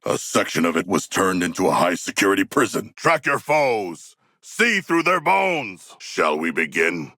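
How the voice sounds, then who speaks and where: A man's voice: mid-range voice, creaky, bright, forceful tone, no room sound, clean studio sound, full character voice. A man voicing a huge, bloodthirsty yet earnest shark king in a video game, speaking in formal, archaic, grandly declarative lines.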